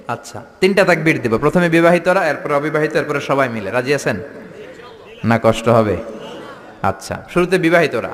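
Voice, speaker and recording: Guy preaching to a crowd in a big tent, jokey, does dialect bits, slightly high voice, long echoey reverb. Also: a bit bright. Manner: playful, mimics regional dialects, calls for crowd responses. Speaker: preacher at a religious gathering. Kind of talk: humorous sermon to a crowd. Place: large tent gathering.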